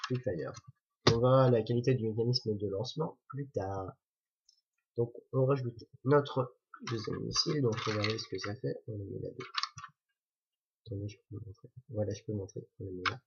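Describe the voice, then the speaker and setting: Speaking at normal speed in a creaky, lowish voice, this man jokes and chats through a toy set review, fixing his own slips as he builds. He pauses often, background noise is present, and the recording is dull lo-fi.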